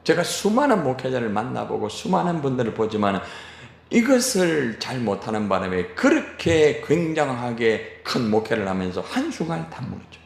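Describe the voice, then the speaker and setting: A male pastor delivers a sermon in a church sanctuary, his voice swinging widely in pitch. He moves between hushed asides and raised exclamations. The sound rings with the echo of a large church hall. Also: very animated, normal speed, gravelly.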